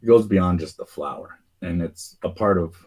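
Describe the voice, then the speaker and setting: A man with a low, husky voice talks casually as host. He rambles, restarting sentences and filling pauses with "um" and "uh". His tone stays mellow and dark throughout. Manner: rambling, hesitant, many fillers and restarts. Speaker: podcast host. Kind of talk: casual conspiracy talk.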